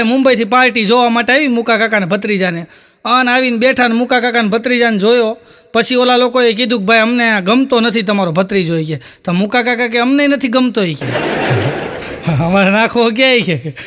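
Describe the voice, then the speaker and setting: High, bright Kathiawadi-accented comic storyteller. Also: male voice. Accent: Kathiawadi Gujarati. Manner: rapid anecdotes tagged with repeated quote markers and a recurring catchphrase. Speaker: Gujarati folk comedian (hasya kalakar). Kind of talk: stand-up joke telling.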